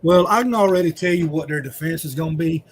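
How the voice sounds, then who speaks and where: Wry, plain-spoken man, slightly high voice. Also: quick pace, a little hiss or hum. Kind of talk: casual opinionated chat.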